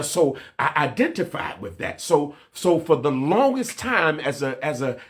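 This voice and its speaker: A man preaching a sermon in a conversational, slang-filled way. He restarts and repeats phrases as he builds a point, and draws on his own past. His voice sits at an ordinary male pitch. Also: a bit bright. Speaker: pastor. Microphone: livestream mic.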